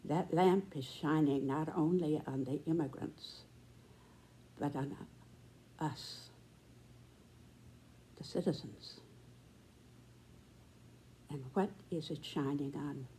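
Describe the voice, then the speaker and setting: An American woman in her nineties giving an earnest commentary like a storyteller, in a deliberate, measured way with pauses between short phrases. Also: low-pitched, dark tone, a little hiss or hum. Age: 90s. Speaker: speaker giving a personal commentary.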